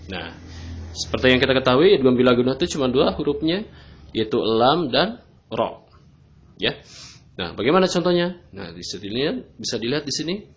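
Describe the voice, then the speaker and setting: A man teaching tajweed rules patiently, often pausing on "nah, gitu ya" as he explains. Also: medium pitch, slight background noise. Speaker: Quran recitation teacher. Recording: dull lo-fi recording.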